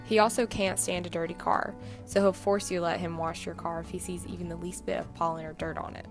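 A woman's voice: on the low side, flat delivery, brisk, music in the background. A young woman reading a scripted, fond narration about her grandfather.

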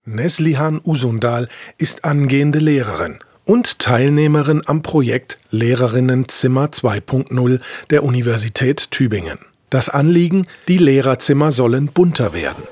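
Dry, clear male documentary narrator. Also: mid-range voice, expressive, moderate pace, a little mellow, no room sound. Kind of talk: scripted narration.

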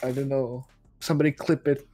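A woman's voice: a bass voice, level tone, brisk, mellow, husky. A woman from China streaming a game, chatting casually and giggling apologetically. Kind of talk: casual chat while gaming.

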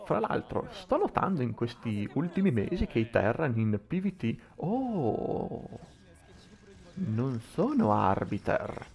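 A man provides live play-by-play for a video game match. His voice sits at a medium pitch. He thinks aloud as he follows the action, often doubling back and repeating words mid-sentence. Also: sing-song, slow pace, vocal fry, darkish tone. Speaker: esports commentator.

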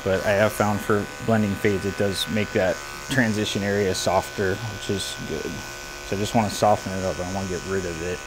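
This American man, a barber with a voice on the low side, gives a haircut tutorial inside a brick-walled shop. His talk is casual and instructional, easygoing and explanatory, as if thinking aloud while he works. The recording clearly picks up the buzz and hum of electric clippers.

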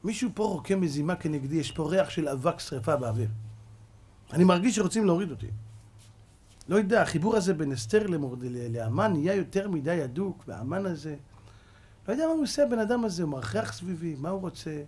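A sleepless ancient king, suspicious and quick to rage, as a man acts him out. He mutters his fears in a husky, hushed voice, then flares into high, sharp orders. The voice sits a little high for a man. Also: expressive. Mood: suspicious muttering. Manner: suspicious muttering, bursts into shouted demands.

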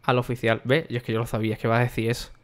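A young man, chatting casually on a stream and talking to his viewers by name, often keeping his voice low for the neighbours. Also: level tone, racing. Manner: speaking quietly for the neighbours.

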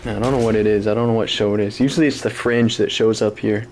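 A man, hoarse from losing his voice, giving casual game commentary from his apartment, rambling and swearing with frequent laughs. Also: fairly low pitch, fairly even intonation, fast talker, darkish tone, a little hiss or hum. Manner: rambling, profane, laughs often. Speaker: gaming commentator. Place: apartment at home.

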